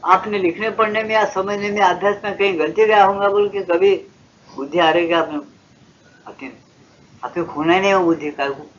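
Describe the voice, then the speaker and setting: A man in his seventies from India, a spiritual teacher giving a devotional discourse, asking rhetorical questions and swinging between loud and hushed speech. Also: sits high, steady tone, normal speed, a little hiss or hum. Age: 70s. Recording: muffled old lo-fi tape.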